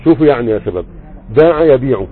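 A man's voice: medium pitch, lively intonation, rapid-fire, breathy edge. A man with an Egyptian Arabic accent giving a grammar lesson online. He reads a text aloud, explains it conversationally and keeps checking that his students follow. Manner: conversational, checks understanding often. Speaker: religious teacher explaining grammar. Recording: tinny phone-like audio.

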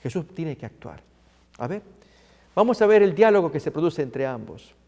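A man's voice: fairly high pitch, very animated, normal speed, darkish tone. A man preaching a sermon, emphatic and repetitive, addressing his listeners as friends. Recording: hall with long reverb.

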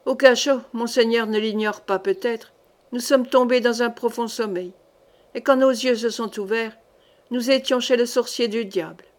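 A woman's voice: a little high, moderate pace, natural voice. A woman reading the part of a frightened male henchman who rambles through a dramatic, pleading account to a duke. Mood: fearful pleading.

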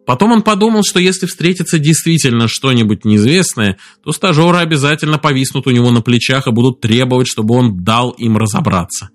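A man narrating an audiobook in a steady, measured storytelling voice. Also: mid-range voice.

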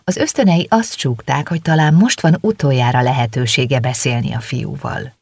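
Audiobook narrator: steady, gravelly, dry studio sound. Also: medium pitch, no echo. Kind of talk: scripted narration. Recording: dry close recording.

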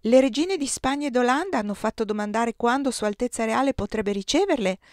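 A woman's voice: a little high, expressive, a little fast, darkish tone, no echo, studio quality, pitched above the performer's own voice, natural voice. A woman reading the part of a fawning, formal court lady-in-waiting. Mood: courtly. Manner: formal, insinuating.

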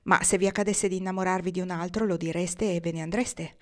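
Female narrator doing easygoing worldly man, wry and unhurried, lowish voice, audiobook. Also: natural voice. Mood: amused, gentle. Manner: calm, wry, measured. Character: worldly gentle-humored grown man.

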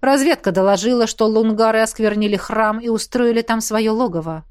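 A woman's voice: a little high, a little fast, a little mellow, smooth, natural voice. A woman voicing an evasive, composed male fairy officer.

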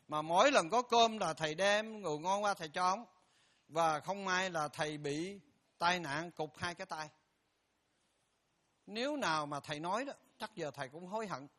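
An older Buddhist monk delivers a dharma talk as a joking storyteller. His voice sits high for a man and sounds bright and forward, and he keeps turning to address the audience directly.

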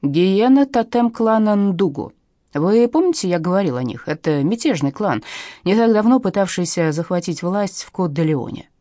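A woman's voice: on the low side, sing-song, normal speed, warm tone, dry recording, studio quality. Woman reading as a pompous old professor. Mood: lecturing. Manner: solemn, lecturing. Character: elderly male professor, pedantic lecturer.

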